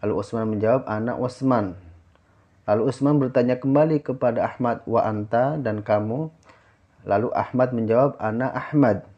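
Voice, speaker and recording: A man's voice: mid-range voice, normal speed, highs cut off. A man teaching a class lesson, explaining patiently, repeating himself and restarting words, often adding "ya" as a filler.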